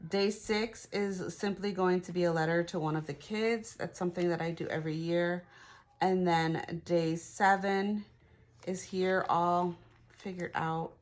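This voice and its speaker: A middle-aged woman with a slightly low voice chats her way through a craft walkthrough. She thinks aloud and fills her pauses with small fillers, in a relaxed, homey way. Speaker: craft vlogger.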